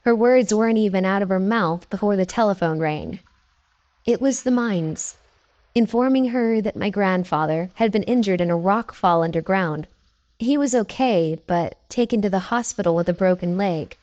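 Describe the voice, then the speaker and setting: A woman's voice: medium pitch, moderate pace, darkish tone, dry recording, highs cut off. Woman narrating scary stories, dry sound.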